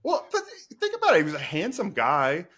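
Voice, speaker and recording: A man's voice: fairly high pitch, huge pitch swings, fairly quick, fairly bright tone. A man in his fifties hosting a casual podcast chat, telling stories with laughter and acting out his own reactions. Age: 50s. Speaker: podcast host.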